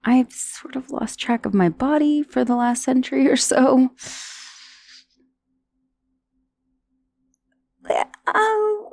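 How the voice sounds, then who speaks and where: In a high-pitched, slightly mellow voice with no room sound, a woman heavily acts the severed head of an undead dullahan for an ASMR roleplay. She's conversational and dryly sardonic, menacing yet wistful, with sighs and hesitations, and her mood is sheepish and wry.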